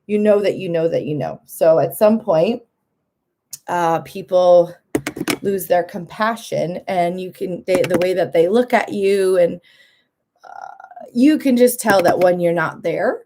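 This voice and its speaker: A woman's voice: lowish voice, unhurried, noisy background. A woman in her thirties talking candidly to camera in a casual vlog, chatty, laughing often and acting out what other people say. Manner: acts out other people's lines in a lifted voice. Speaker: vlogger.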